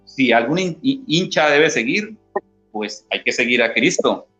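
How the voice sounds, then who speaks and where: Speaking at a measured pace with lively intonation, this medium-pitched man from Colombia has a fairly bright tone. As an interview guest and former church member, he reads scripture aloud and explains Bible passages in a teacherly way, often adding "¿sí?". The recording is dull and lo-fi, with faint guitar music.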